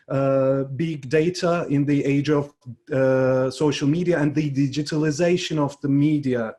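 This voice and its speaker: A man moderating a panel discussion, halting as he searches for words. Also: fairly high pitch, mellow.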